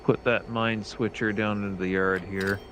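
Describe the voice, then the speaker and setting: A man's voice: on the low side, little pitch movement, normal speed, a bit bright, a little hiss or hum. A man playing a train game with friends, chatting casually in a playful, teasing way and offering bits of trivia. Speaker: fellow player. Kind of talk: casual gameplay chat.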